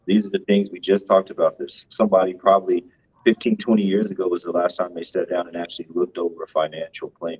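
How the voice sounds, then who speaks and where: This finance-show co-host has a deep, husky voice and offers casual money commentary, speaking quickly and emphatically and often capping a point with "right?". His delivery is flat, his tone darkish, and the recording is dull and lo-fi.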